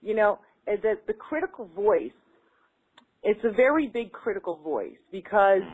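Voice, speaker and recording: This woman's husky, darkish voice sits in the mid range and swings widely in pitch as she takes her time. She echoes affirmations during a tapping session, then chats casually, halting often and leaning on fillers.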